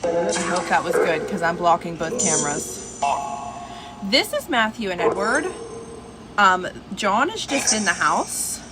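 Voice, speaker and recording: In an unhurried, fairly low voice that pauses often, a woman chats with her livestream viewers from home and greets them by name. The stream is noisy, with a steady hiss.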